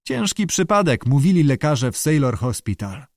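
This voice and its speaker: A man's voice: on the high side, very animated, a little mellow, no echo, studio quality. A man voicing a small, gossipy male Irish sailor in an audiobook, talking in a wheedling, conspiratorial way. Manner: wheedling, conspiratorial, quick to back down. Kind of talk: audiobook character voice.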